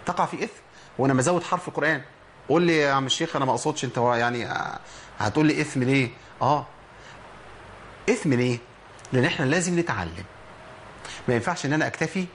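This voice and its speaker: Male Egyptian tutor for a recitation lesson, slightly high pitch, patient Q-and-A delivery, light noise floor. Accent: Egyptian Arabic. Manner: explanatory, asks and answers his own questions, slowly demonstrates sounds. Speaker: Quran recitation teacher. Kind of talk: instructional lesson on pronunciation.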